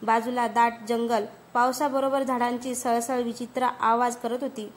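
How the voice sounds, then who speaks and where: A woman storyteller with a high voice reads a horror story. Her narration is steady and suspenseful. There is faint noise behind her. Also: moderate pace.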